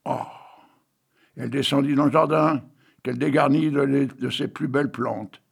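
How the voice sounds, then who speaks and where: Gravelly older man reading aloud. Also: mid-range voice, steady tone, moderate pace. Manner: theatrical reading with wry joking asides. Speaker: reader. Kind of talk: reading stories and poems aloud.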